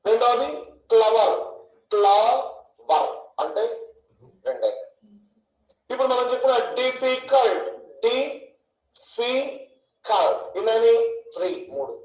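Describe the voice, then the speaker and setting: A man's voice: very high-pitched, very animated, moderate pace, long pauses, darkish tone. A man teaching an English grammar lesson in an online class, asking questions and answering them himself and stretching words out syllable by syllable. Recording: echoey room.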